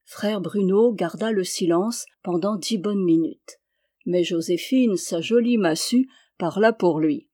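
Female audiobook narrator, measured storyteller, warm mellow tone. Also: lowish voice. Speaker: audiobook reader.

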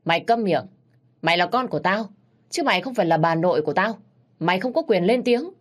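A harsh, drunken middle-aged father snaps and shouts at his wife and daughter, put on by a woman with a naturally low voice. His threats come out loud and sharp. He sounds like a man who rules the house by force. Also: quick pace, lightly acted. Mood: angry. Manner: shouting, scolding.

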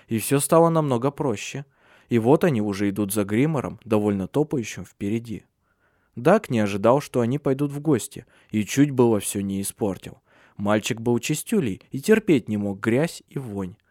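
A man's voice: mid-range voice, animated, normal speed, a little mellow, no echo. Man reading an audiobook, dry close sound. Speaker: audiobook narrator. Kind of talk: scripted narration.

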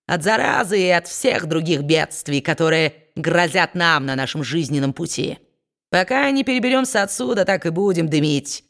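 A woman's voice: lowish voice, animated, normal speed, a bit bright. A woman voicing a sneering, spiteful dwarf. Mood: gloating. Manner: sneering, bullying, mock-sweet. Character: spiteful, gloating male dwarf moneylender.

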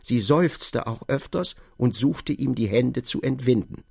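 A man narrating a literary novel in a measured, expressive storytelling manner. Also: mid-range voice, vocal fry, breathy edge, dry recording, studio quality.

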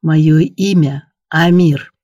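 A passionate, domineering young nobleman in a storybook, voiced by the male reader. He speaks slowly and forcefully in a mellow, fairly high voice that stays level. The sound is dry and close. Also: little pitch movement, no echo, lightly acted.

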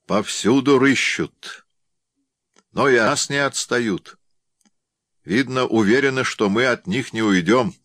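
A man reading an audiobook, voicing a gruff, weathered sled traveler named Bill with a blunt, rough-spoken manner. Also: mid-range voice, slow, long pauses, fairly bright tone, dry recording, clean studio sound, voice pushed up. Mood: grim.

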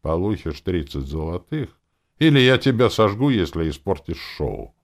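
A man voicing a self-assured male dark mage who speaks dryly and gives orders. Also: deep voice, very animated, moderate pace, voice pushed up. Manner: dry, commanding.

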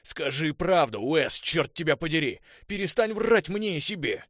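A male audiobook reader voicing a bitter, angry young man who talks sarcastically and shouts at times. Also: medium pitch, animated, a little fast, no echo, clean studio sound, voice pushed up, close to an everyday voice. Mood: shouting. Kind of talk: audiobook dialogue reading.

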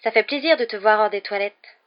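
A woman's voice: mid-range voice, fairly quick, pitched above the performer's own voice, natural voice. A woman voicing a clever schoolgirl who sounds falsely cheerful. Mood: fake cheerful. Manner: falsely chirpy. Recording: dull lo-fi recording.

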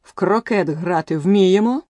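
A woman voicing a furious, tyrannical queen of a card kingdom who shrieks drawn-out, loud commands in a storybook reading. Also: on the low side, no echo.

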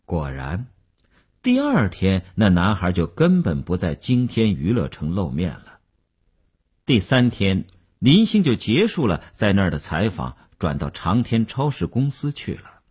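Man audiobook narrator, low husky voice, highly animated intonation. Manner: measured, expressive storytelling.

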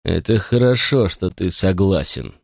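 Sinister drunken butler, slow and hushed, low-pitched menace, voiced by a male reader. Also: lively intonation, vocal fry, no room sound, clean studio sound, exaggerated voice. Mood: menacing. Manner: very slow, deliberate, quiet and low.

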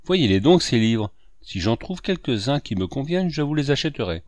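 A man voicing a gentle but firm village priest, in a grave, measured reading. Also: mid-range voice, very animated, no room sound, natural voice. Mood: kindly. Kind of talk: audiobook character reading.

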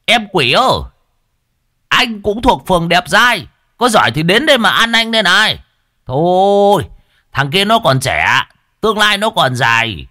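A man voicing a scheming old man who fakes a shrill, wailing woman's voice. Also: bright, forceful tone, full character voice. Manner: shrieking, wailing.

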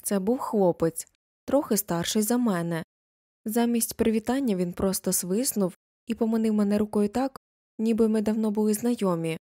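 A woman reading a novel aloud as an audiobook narrator, in an even storytelling manner. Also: mid-range voice, moderate pace, no room sound, clean studio sound.

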